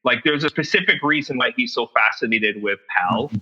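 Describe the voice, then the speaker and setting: A man co-hosting a comics podcast, chatting casually and agreeing in quick back-and-forth. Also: mid-range voice, sharp tone. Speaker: podcast co-host. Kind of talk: casual chat about comics. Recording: dull lo-fi audio.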